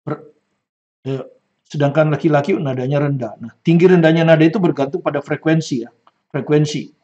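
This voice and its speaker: A man's voice: on the high side, fairly even intonation, fairly quick, mellow, lo-fi sound. An older man teaching a physics lesson, patiently repeating key points and checking in with the class. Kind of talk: classroom lecture.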